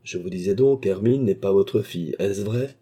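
A man's voice: on the low side, moderate pace, mellow, breathy edge. A man voicing a cold, scheming male baronet who dominates the man he is speaking to, in an audiobook reading. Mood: cold, commanding.

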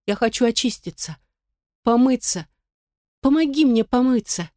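A woman voicing a frightened little girl, the count's daughter, in a high, pleading voice. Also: steady tone, normal speed, dark tone, dry recording, studio quality, lightly acted. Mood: tearful. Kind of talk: audiobook role reading.

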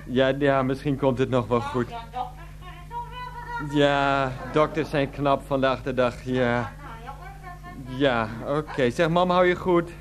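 An actor with a medium-pitched voice plays an irritated adult son trying to placate his mother over the phone in a radio play, with just his half of the call audible. He speaks slowly, pausing often, in a lightly acted delivery.

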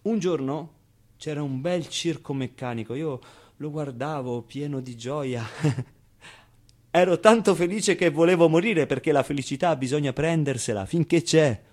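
A stage actor with a fairly high, natural voice performs a theatrical monologue as a wistful, streetwise man looking back on his orphaned boyhood. His colloquial first-person storytelling is expressive and clownish, full of pauses and repeated phrases, and carries a nostalgic mood.

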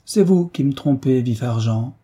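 A man's voice: mid-range voice, animated, unhurried, mellow, slightly rough. A man voicing a gracious, teasing royal princess in an audiobook story, raised to a lighter, playful tone.

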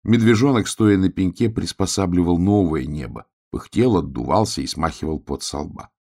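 Low husky male storyteller. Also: moderate pace. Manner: expressive, lively storytelling. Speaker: narrator. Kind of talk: storybook narration.

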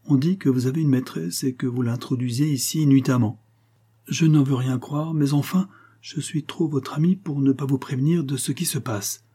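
A man's voice: mid-range voice, moderate pace, dark tone, breathy edge, pitched above the performer's own voice. A man voicing a tearful, pleading widow. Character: emotional middle-aged widow, tender then bitter.

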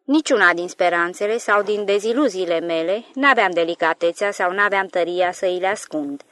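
A woman narrating an audiobook of a literary novel in a calm, measured storytelling voice. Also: fairly low pitch, no room sound.

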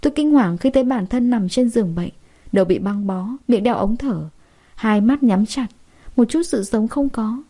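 A woman narrating a dramatic first-person story in a steady, emotional storytelling manner. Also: on the high side, moderate pace.

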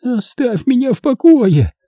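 A guilt-ridden woman confesses in a husky, tense voice, as a man reads her part. The tone is dark and rough, and pitched above his own. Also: very animated, unhurried, no room sound, clean studio sound, heavily acted. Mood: despairing.

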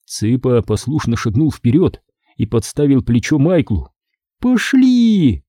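Dark-voiced man narrating horror. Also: medium pitch, normal speed, dry recording, studio quality. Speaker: audiobook narrator.

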